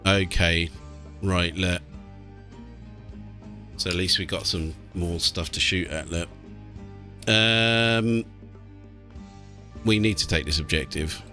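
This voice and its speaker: A British gaming channel host offers casual, chatty let's play commentary on a strategy game, thinking aloud as he plays. His deep voice is pushed and bright, slow, with frequent pauses. Video game music, artillery and vehicle sounds play behind him.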